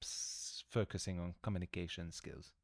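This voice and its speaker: A man's voice: deep voice, level tone, normal speed, dry recording, studio quality. A man co-hosting a casual podcast chat who works as an acting coach, talking hesitantly and often restarting or correcting himself.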